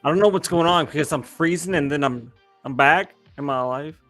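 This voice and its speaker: A man guest in a casual chat, deadpan, trailing off as he runs out of news. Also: on the high side, brisk, faint music behind.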